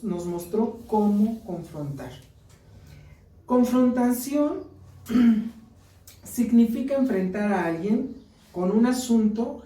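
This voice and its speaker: A woman's voice: mid-range voice, mellow. A woman with a Mexican accent giving an earnest church Bible lesson, mixing teaching with personal stories. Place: church hall. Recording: echoey room, mic far off.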